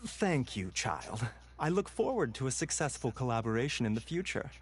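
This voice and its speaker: A soft-spoken doctor, voiced by a man, courteous and measured, with lively rises and falls in his pitch. His gentle manner hides a quietly scheming edge. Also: close to an everyday voice.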